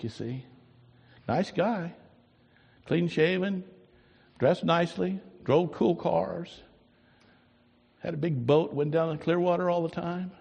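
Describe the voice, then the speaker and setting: A man preaching a sermon as a pastor, moving from quiet reflective asides to loud, emphatic declarations, and ending in prayer. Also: fairly high pitch, vocal fry, breathy edge, big-room sound, muffled recording. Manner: swings from soft musing to loud emphatic preaching.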